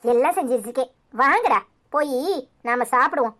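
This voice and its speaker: A woman's voice: high voice, a little fast, bright, forceful tone. A woman voicing a caring young mother and wife in a cartoon serial, speaking with a Tirunelveli Tamil accent, soothing her children and blaming herself. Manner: soothing with children, anxious with husband.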